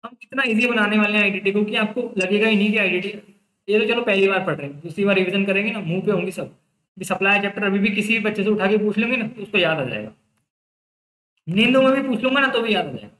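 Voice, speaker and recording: Young male lecturer, high-pitched, chatty and reassuring, echoey room. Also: fast talker, fairly bright tone. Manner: chatty, reassuring, explains by intent. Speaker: teacher. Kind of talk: casual online lecture.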